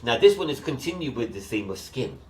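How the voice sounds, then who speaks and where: A man's voice: mid-range voice, sing-song, brisk, a little mellow, echoey room, a little hiss or hum. A man with a Scottish accent co-hosting a casual film podcast, talking enthusiastically and rambling through restarts. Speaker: podcast co-host. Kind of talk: casual chat about films.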